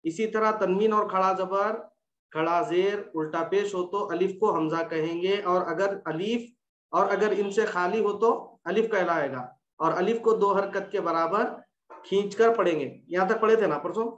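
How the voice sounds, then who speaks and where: A man's voice: high voice, normal speed, fairly bright tone. A man teaching an online Quran recitation class, patiently repeating letter drills and quizzing his students. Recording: echoey room, dull lo-fi sound.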